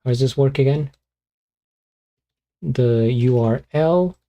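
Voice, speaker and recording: A man streaming live, chatting casually and muttering to himself as he fiddles with his streaming software. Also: medium pitch, slow, highs cut off. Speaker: beatbox streamer.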